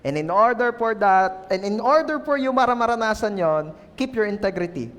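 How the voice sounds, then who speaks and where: A man's voice: sits high, animated, normal speed, fairly bright tone. A male pastor preaching a playful sermon and coaxing the congregation to answer, in a reverberant church hall.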